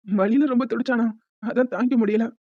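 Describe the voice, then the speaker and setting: A woman voicing a soft-hearted young father in a cartoon, fretful and doting. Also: fairly high pitch, quick pace, no room sound, lo-fi sound, lightly acted. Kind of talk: cartoon voice acting.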